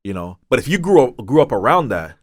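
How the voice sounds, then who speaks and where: A man's voice: medium pitch, big pitch swings, fairly quick, dry recording, studio quality. A man hosting a casual podcast discussion, posing questions, often agreeing with "right, right" and restarting his sentences with fillers. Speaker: podcast host leading the discussion.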